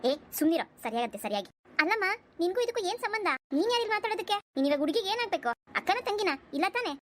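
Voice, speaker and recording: A woman's voice: extremely high pitch, big pitch swings, racing. A woman voicing a proud, scolding middle-aged mother of the groom in a cartoon, grumbling and humming in disapproval. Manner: scolding, grumbling, sighing hums. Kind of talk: cartoon voice acting.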